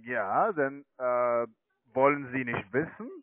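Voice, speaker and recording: On a tinny narrowband line, a male account manager for online trading gives a telemarketing pitch in halting, broken phrasing, as German isn't his first language. His mid-range voice moves slowly, and the recording is dry.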